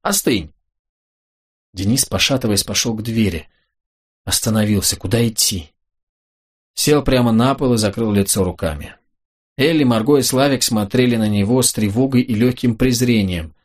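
A male narrator reading a novel aloud. His voice is husky and mid-pitched, and his delivery stays calm and even. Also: moderate pace. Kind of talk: audiobook narration.

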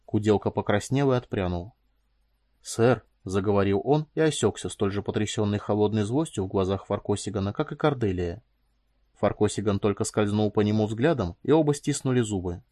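Man with a calm, measured narration. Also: lowish voice, dry recording, clean studio sound. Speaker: audiobook narrator. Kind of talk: scripted narration.

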